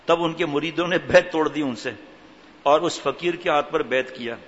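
A male preacher telling stories in a sermon, animated and humorous while stressing strict religious rulings. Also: on the high side. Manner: animated, mixes humour with stern religious rulings. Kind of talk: storytelling sermon. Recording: reverberant hall, dull lo-fi sound.

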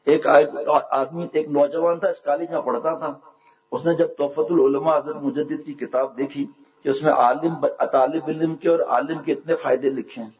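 Man preaching with joking stories, lo-fi. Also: on the high side. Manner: lively, joking, chuckles mid-story. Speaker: religious speaker addressing students. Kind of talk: humorous sermon storytelling.

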